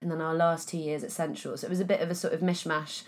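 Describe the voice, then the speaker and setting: A Welsh actress in her thirties chats casually in an interview, her voice a bit husky and hoarse today, with many fillers and restarts. She speaks fast in a deep voice with a flat delivery.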